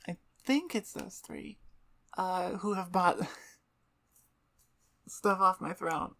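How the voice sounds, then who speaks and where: Her voice is lowish, gravelly and a bit bright, with drawn-out words. Seated on the floor in front of a computer desk, this ASMR channel host rambles casually and self-deprecatingly through an outro, close to a mic about twelve inches off at eye level.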